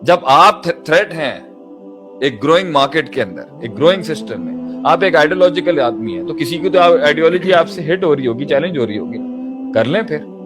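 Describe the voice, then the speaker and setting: Brief: male preacher, fairly high voice, emphatic and repetitive delivery in a motivational sermon, music bed behind. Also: lively intonation, brisk. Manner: emphatic, hammering repeated rhetorical phrases; mixes in English terms. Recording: music playing under the voice.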